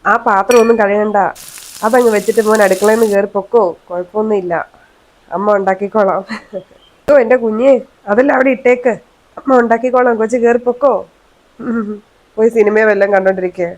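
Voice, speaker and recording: A woman playing a doting, soft-hearted middle-aged mother-in-law who talks in a gentle, coaxing way. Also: mid-range voice, steady tone, a little fast, pauses often, lightly acted, rough recording. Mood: fond.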